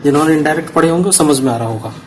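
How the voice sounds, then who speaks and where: A man's voice: fairly high pitch, racing, darkish tone, slight background noise. A man teaching a punctuation lesson to students, explaining patiently and repeating each example.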